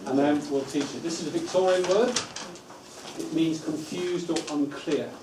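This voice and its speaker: A man training teaching assistants in a school room. He gives steady instructions and stretches words out syllable by syllable. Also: on the high side, normal speed. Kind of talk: training workshop talk. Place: school room with a live audience. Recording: echoey room from far off, noisy.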